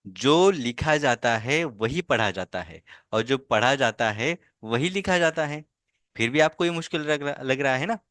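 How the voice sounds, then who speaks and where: A man gives an online lesson to a child in a patient, coaxing way. He keeps asking short checking questions to bring the pupil along. His mid-pitched voice comes through a dry video-call sound with no room echo. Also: fairly bright tone. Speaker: language teacher.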